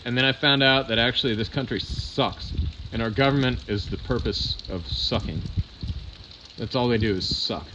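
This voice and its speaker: American male livestreamer, mid-pitched, blunt and offhand, casual outdoor storm vlog, heavy wind noise. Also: lo-fi sound. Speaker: livestream host. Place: outdoors on a residential street. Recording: loud wind and outdoor rustle.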